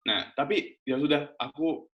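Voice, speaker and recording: A male priest, answering a question on forgiveness in a gentle, patient way, often adding "ya". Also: fairly high pitch, a little slow, dull audio, background noise. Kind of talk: pastoral Q&A answer.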